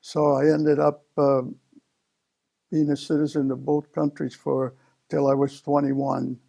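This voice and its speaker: Slow, gravelly older man. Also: a little high, completely flat delivery, warm tone. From Italy. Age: 70s. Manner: slow, halting storytelling with many fillers. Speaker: interview guest. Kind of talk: oral history interview.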